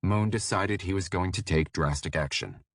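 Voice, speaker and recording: Deep, dry male narrator for fantasy audiobook; steady, measured read. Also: no room sound.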